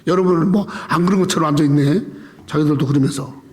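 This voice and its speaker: A man in his fifties with a Korean accent, a pastor giving a Sunday sermon, animated and dramatic, at times dropping to a hushed plea. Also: a little high, fast talker. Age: 50s. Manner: animated preaching, acting out quoted prayers, dropping to soft hushed pleas. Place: church sanctuary.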